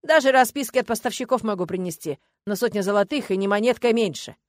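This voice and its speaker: A woman voicing a loud, blunt tavern keeper. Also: mid-range voice, fast, no room sound, studio quality, close to an everyday voice. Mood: gruff. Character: gruff middle-aged male tavern keeper.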